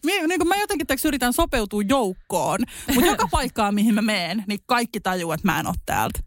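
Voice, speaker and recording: Young woman telling lively stories, dry close mic. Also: a little high, no room sound. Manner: lively storyteller acting out quotes. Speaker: podcast co-host. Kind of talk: casual chat.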